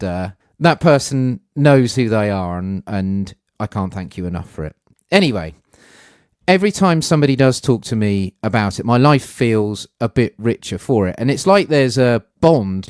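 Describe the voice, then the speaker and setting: A man's voice: on the low side, darkish tone, dry recording, clean studio sound. A middle-aged man hosting a podcast, talking in a thoughtful, conversational way with hedging asides. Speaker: podcast host. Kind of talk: reflective personal podcast monologue.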